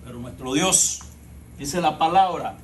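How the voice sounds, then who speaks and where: A male pastor preaching a sermon, swinging from loud emphasis to hushed, slow passages. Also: fairly high pitch, far from the mic, a little hiss or hum. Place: church. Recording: roomy church echo.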